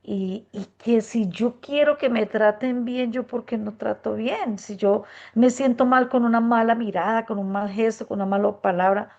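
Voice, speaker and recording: A woman, a workshop participant giving an earnest, reflective testimony, speaking softly and gently with many hesitant fillers. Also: a little high, steady tone, moderate pace, gravelly, few pauses. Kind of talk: spontaneous testimony. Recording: muffled dull recording.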